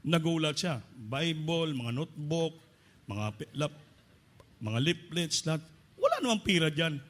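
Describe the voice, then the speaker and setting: A Filipino-accented male preacher with a high, bright voice, telling his own story from the pulpit. He shifts into other people's voices as he goes, with an animated, storytelling delivery. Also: a little slow. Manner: animated storytelling with acted quotes. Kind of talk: sermon testimony.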